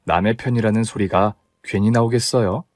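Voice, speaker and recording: A man narrating a scripted first-person story in a steady, matter-of-fact way. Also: fairly low pitch, a little fast, no echo, clean studio sound.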